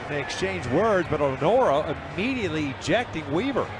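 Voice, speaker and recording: A male announcer calls a baseball game live for television. His voice is fairly high, and clear stadium noise sits behind the booth microphone. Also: lively intonation, a little fast. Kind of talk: live TV sports commentary.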